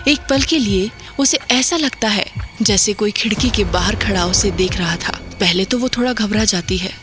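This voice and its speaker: A woman with a medium-pitched voice narrates a horror audio drama, speaking steadily and deliberately as she builds suspense line by line. Background music runs under her the whole time.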